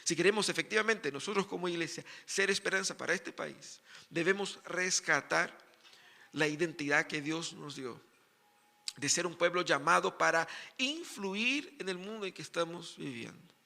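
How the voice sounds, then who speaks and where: A man's voice: fairly high pitch, moderate pace, gravelly, pushed and bright. A man preaching an emphatic sermon as pastor in a church. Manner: emphatic preaching, voices characters in quotes. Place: church sanctuary. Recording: reverberant church hall.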